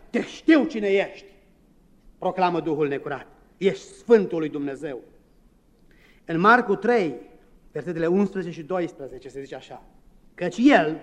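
A man preaching a sermon, dropping to soft low asides and rising to loud exclamations. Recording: long hall reverb.

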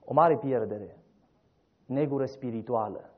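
A man preaching a sermon, telling the story dramatically, rising loud and then dropping soft. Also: medium pitch. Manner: dramatic storytelling, voices quoted figures, rises loud then drops soft. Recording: dull lo-fi recording.

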